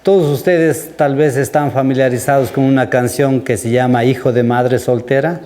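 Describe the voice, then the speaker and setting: A man's voice: medium pitch, fairly even intonation, moderate pace, darkish tone. Man pastor teaching a sermon. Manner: conversational, answers congregation questions.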